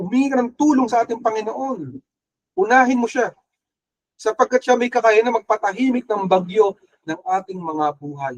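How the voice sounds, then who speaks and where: A young adult man with a Filipino accent delivers a sermon in a high voice. He moves freely between Tagalog and English and gives voice to the people in his story. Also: rough recording. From Philippines. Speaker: pastor.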